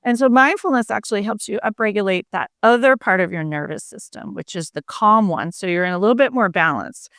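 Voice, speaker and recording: Reflective woman physician explaining calmly. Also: medium pitch, fairly quick, hardly any pauses, dry recording, clean studio sound. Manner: reflective, explanatory, many fillers. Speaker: physician and mindfulness coach, podcast guest. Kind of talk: conversational interview.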